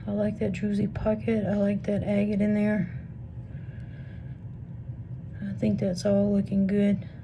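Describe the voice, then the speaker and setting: A woman with a Missouri accent offers casual, off-the-cuff commentary for her rock tumbling vlog while sorting stones, musing half to herself and often dropping to a whisper as her voice fades. She speaks at medium pitch and normal speed with vocal fry and a completely flat delivery, amid noisy room ambience.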